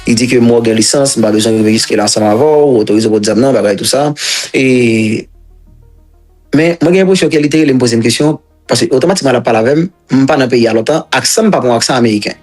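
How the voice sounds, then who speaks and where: A man's voice: medium pitch, quick pace, darkish tone, soft background music. A man from Haiti with a Haitian accent, recounting his own story as an interview guest in a rambling, repetitive way and mixing languages.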